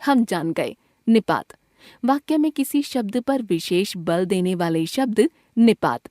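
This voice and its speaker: A woman reads a school grammar lesson aloud from a script, going slowly and deliberately through lists of words with pauses between them. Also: mid-range voice, lively intonation, mellow, no echo, studio quality. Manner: slow, deliberate list reading with pauses. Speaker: textbook narrator.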